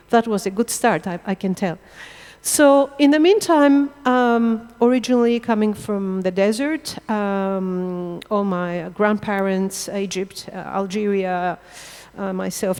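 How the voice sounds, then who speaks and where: A middle-aged woman from Israel, a photographer, gives a public lecture from a stage, speaking haltingly and pausing to search for words. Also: medium pitch, a little mellow, smooth. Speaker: architectural photographer giving a lecture. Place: lecture hall under stage lights. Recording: long hall reverb.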